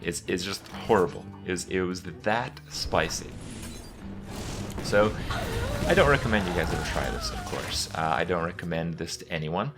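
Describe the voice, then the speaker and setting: Male gaming host, deep voice, casual and rambling, halting delivery. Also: music in the background. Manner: halting, rambling, with many pauses and repeats. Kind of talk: casual retrospective commentary.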